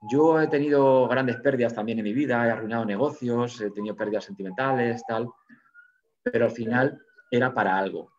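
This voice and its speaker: Brief: male motivational speaker, animated, direct, dull online call audio. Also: lowish voice, a little hiss or hum. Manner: animated storytelling, addresses audience directly. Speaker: webinar speaker. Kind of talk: motivational talk.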